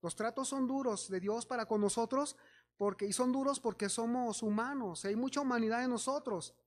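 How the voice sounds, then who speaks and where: Exhorting the congregation as his brothers, a Mexican-accented preacher tells stories and gives voice to the characters in them. He speaks at a moderate pace in a very high voice.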